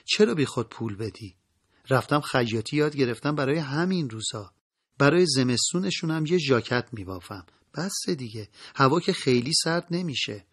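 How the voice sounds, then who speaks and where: A man with a husky voice reading the lines of a caring young mother who talks to her family softly and reassuringly. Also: mid-range voice, expressive, no room sound, clean studio sound. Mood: tender. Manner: soft, reassuring, tender.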